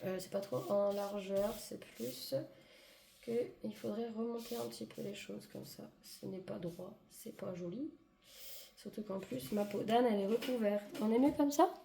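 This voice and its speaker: A woman doing a casual, improvised card reading for viewers, hesitant and searching for words, her hoarse voice giving out. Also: medium pitch, moderate pace, mellow. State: hoarse voice giving out, clearing throat. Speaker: tarot and oracle card reader. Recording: echoey room with clear background noise.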